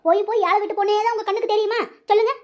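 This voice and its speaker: Someone voicing a domineering, money-minded cartoon mother who lectures her son. She scolds and bosses him in a very high-pitched voice at a quick clip. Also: fairly even intonation, a little mellow. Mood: scolding. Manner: scolding, bossy, colloquial. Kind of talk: cartoon voice acting.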